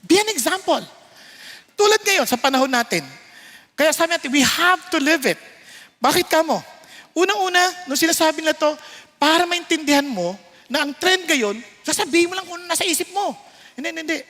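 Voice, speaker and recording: A man's voice: very high voice, animated, fairly quick, pushed and bright. A man with a Filipino accent preaching a sermon as pastor, emphatic and often checking in with his listeners. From Philippines. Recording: reverberant hall sound.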